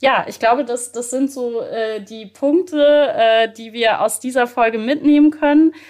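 A woman hosting a podcast, her voice sitting a little on the high side. She recaps the talk and fires quick questions in an upbeat way, with plenty of small filler sounds between phrases. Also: darkish tone. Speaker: podcast host. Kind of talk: interview wrap-up and quick-fire questions.

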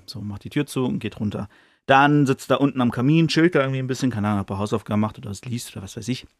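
A man's voice: medium pitch, no room sound, clean studio sound. A man hosting a podcast, casually retelling a book chapter in a loose, slangy way with plenty of fillers. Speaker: podcast host.

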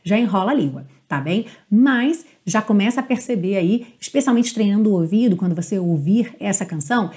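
Woman from brazil, english teacher, patient explanations, slow drawn-out lyric lines. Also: mid-range voice, animated, darkish tone. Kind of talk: pronunciation lesson.

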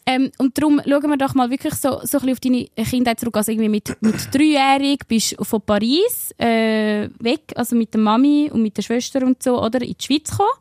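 A woman's voice: on the high side, brisk, few pauses, a little mellow, dry recording, clean studio sound. A woman, co-hosting a podcast and asking direct, sometimes teasing questions. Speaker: podcast co-host. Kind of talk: casual conversational interview.

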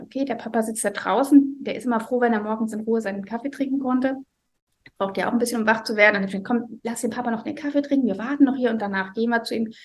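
A woman telling an emotional personal story as a mother in an interview, earnest and halting, often dropping to a hushed voice. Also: fairly high pitch.

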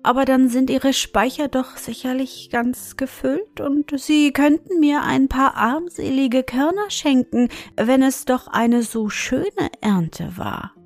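A woman's voice: high voice, slow, hardly any pauses, a little mellow, pitched above the performer's own voice. A woman voicing a whiny, hungry female mouse who pleads and wails in a storybook reading. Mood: pleading. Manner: wailing, pleading and sobbing.

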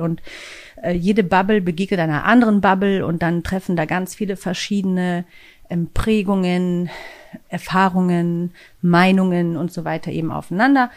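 A woman talking in a casual, reflective monologue as a self-help podcast host, chatty, with many fillers and tag questions. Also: lowish voice.

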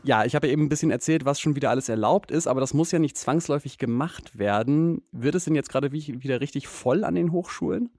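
A man hosts a news podcast in a relaxed, informal manner. His voice is mellow and dark. The sound is dry and close. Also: medium pitch, fast, few pauses, no room sound.

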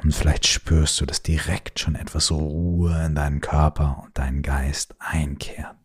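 A man leading a guided sleep meditation, speaking softly and soothingly and often sinking into near-whispers. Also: very deep voice, level tone, slightly rough. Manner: slow, soothing, drops to soft whispers.

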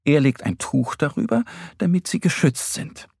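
A man narrating a children's story in a gentle, expressive storytelling manner. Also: on the high side, moderate pace, creaky, breathy edge, no echo, clean studio sound.

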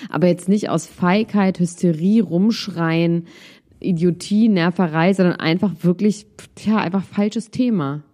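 A woman's voice: fairly low pitch, measured pace, warm tone. A woman co-hosting a podcast, chatting in a giddy, self-mocking way about celebrity gossip. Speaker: podcast co-host. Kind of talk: casual gossip chat.

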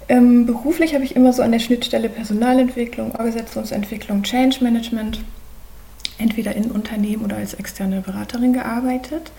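Mellow-voiced German woman, thoughtful and hesitant. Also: medium pitch, creaky. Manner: thoughtful, many hesitations and fillers. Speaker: guest. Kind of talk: conversational podcast interview.

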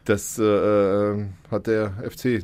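A man's voice: on the low side, flat delivery, takes it slowly, a little mellow, smooth. A man co-hosting a casual sports podcast, piecing his sentences together hesitantly. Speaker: podcast co-host.

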